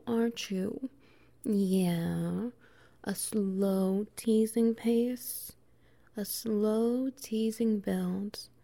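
A woman performing an intimate audio roleplay, talking softly and teasingly, slipping into whispers and low laughs.

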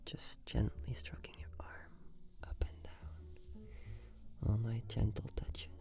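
A man in a whispered role-play as a tender, soothing boyfriend, murmuring sweet nothings in a soft, breathy voice. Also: fairly low pitch, flat delivery, slow, soft background music.

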